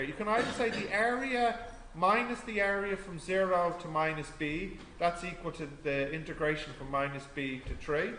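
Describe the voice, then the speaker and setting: High voiced guy tutoring maths, walks through each step, echoey classroom with a bit of hiss. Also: a bit bright. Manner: explains step by step, asks the class questions. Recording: echoey classroom with faint noise.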